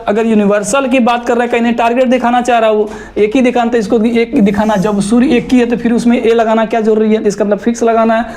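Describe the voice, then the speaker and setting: A teacher explaining grammar in a classroom style, going step by step, repeating points and asking rhetorical questions, and reading example sentences slowly. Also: medium pitch, a little mellow.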